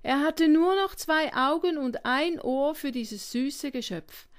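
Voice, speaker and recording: Slow-reading woman storyteller. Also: high voice. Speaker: narrator.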